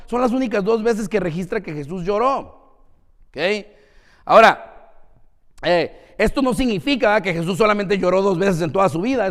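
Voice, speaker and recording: A man preaching a sermon as pastor, lively and engaging, often asking the congregation questions. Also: high voice, big-room sound. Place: church.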